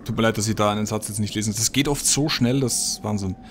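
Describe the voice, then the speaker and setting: A man's voice: on the low side, fast talker, a little hiss or hum. A man giving casual gameplay commentary, thinking aloud and muttering his reactions as he plays. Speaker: let's play gamer.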